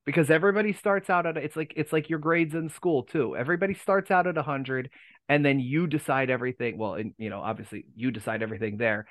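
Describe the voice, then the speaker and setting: A man's voice: on the high side, fast talker, dry recording. A man hosting a casual podcast chat, rambling with many restarts and laughing easily. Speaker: podcast host.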